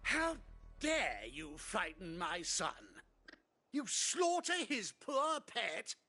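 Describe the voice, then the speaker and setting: Snooty cruel lord for a video game, super indignant, bright sharp voice that swings all over. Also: male voice, sits high, sing-song, slow pace, faint music behind, heavily acted. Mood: indignant contempt. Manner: pompous, indignant. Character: haughty cruel nobleman father, pompous and sneering.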